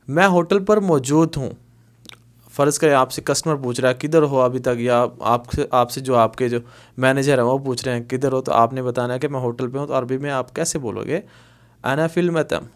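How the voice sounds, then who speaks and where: A man with a Pakistani Urdu accent giving a casual spoken-language lesson. He repeats each phrase slowly and keeps checking that the listener is following. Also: mid-range voice. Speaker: Arabic language teacher.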